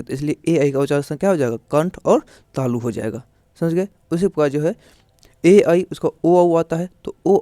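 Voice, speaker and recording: A man's voice: mid-range voice, warm tone, dry recording. Man teaching a patient step-by-step lesson. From India. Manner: repetitive, explaining step by step with filler phrases. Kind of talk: classroom grammar lesson.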